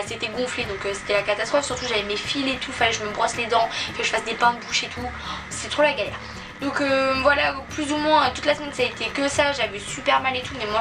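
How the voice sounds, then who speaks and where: High-pitched young woman chatting over music. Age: young adult. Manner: chatty, informal, acts out remembered exchanges. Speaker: vlogger. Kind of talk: casual personal storytime to camera. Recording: distant mic, clear music behind.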